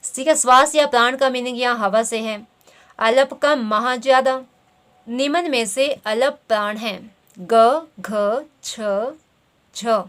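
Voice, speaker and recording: Tutor lady, kinda high voice, keeps saying theek hai, reads options out slow. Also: fairly bright tone, smooth. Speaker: teacher. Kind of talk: grammar lesson explaining quiz questions.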